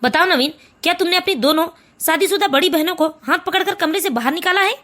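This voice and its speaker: An older family father in a cartoon story. He speaks calmly and asks puzzled questions, pitched lower than her usual voice yet still high and bright. The tone stays measured and firm. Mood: disbelieving. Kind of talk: animated family story voice acting.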